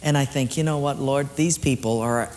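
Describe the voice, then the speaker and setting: A man preaching a sermon as a pastor, swinging from loud raised lines down to quiet low ones. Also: normal speed. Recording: long hall reverb, faint room noise.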